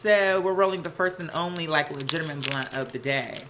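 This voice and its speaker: Fairly quick and mid-range, the voice belongs to an American livestreamer chatting casually with campy sass and lots of slang. She's at home, and the sound of nearby laundry adds some household noise.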